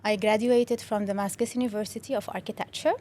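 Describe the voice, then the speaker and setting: A young Syrian woman, a native Arabic speaker with a Syrian Arabic accent, talks as an interview guest and creative director in a medium-pitched, slightly mellow voice. She speaks quickly and with a steady tone, keeping it friendly and casual with many fillers and restarts.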